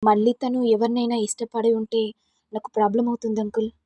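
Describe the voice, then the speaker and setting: A woman's voice: fairly high pitch, little pitch movement, a little fast, dark tone, no echo, close to an everyday voice. A woman voicing a polite young male lecturer who speaks earnestly.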